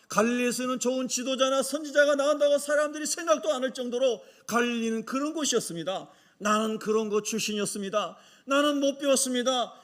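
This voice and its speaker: A man's voice: extremely high pitch, a bit bright. A man preaching as a humble, hot-tempered Galilean fisherman apostle, making an earnest first-person confession.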